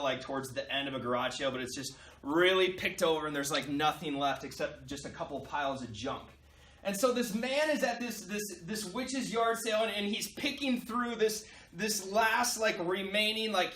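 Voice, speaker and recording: A man coaching, giving a motivational talk as a rambling, halting story with many restarts. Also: high voice, sharp tone, a little hiss or hum. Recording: echoey room, mic at a distance, faint ambience.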